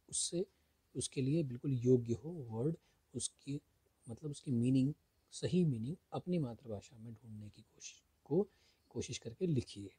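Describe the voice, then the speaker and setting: A man teaching an English textbook chapter, reading English lines slowly and then explaining them in Hindi. He asks his students questions and answers them himself. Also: medium pitch, dark tone, husky, no room sound.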